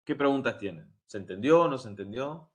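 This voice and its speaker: A man's voice: medium pitch, lively intonation, a little fast. A man giving a university lecture, explaining step by step and often checking that his students follow. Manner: explanatory, checks understanding with frequent "¿sí?".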